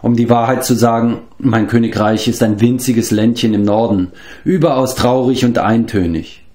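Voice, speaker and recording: A man's voice: mid-range voice, fairly even intonation, normal speed, dark tone, natural voice. A man reading aloud and voicing a boastful, hapless former king turned wandering bard who rambles and corrects himself. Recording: roomy echo.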